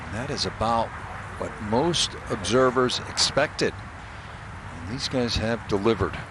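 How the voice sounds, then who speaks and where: A man's voice: mid-range voice, expressive, unhurried. A man anchoring live golf commentary as the lead announcer, calling the play. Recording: clear outdoor noise behind the voice.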